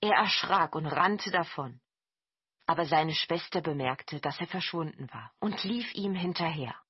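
A woman narrating a fairy tale in a calm, measured storytelling voice. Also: low voice, breathy edge. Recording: dull lo-fi with faint music.

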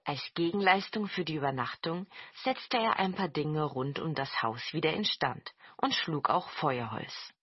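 A woman narrating a fairy tale in a calm, measured storytelling voice. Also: sits low, slightly rough, dry recording. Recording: dull lo-fi with faint music.

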